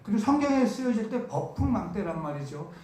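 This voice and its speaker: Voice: mid-range voice, sing-song, a little fast, dark tone. A preacher delivering a camp sermon, stressing and repeating key words and putting questions to the audience. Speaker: preacher at a church summer camp. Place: large church hall. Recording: very echoey hall with faint noise.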